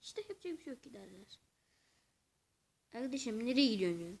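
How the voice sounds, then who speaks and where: A woman giving excitable let's-play commentary to her viewers, muttering and whispering asides to herself as she plays. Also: on the high side, fairly quick, vocal fry. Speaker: gaming channel host.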